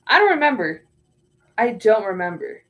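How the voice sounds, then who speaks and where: A young female streamer chats casually on a livestream, rambling and meandering, reading chat aloud and trailing off as she searches for words. Her mid-range voice is sing-song at a moderate pace, and the audio sounds dull.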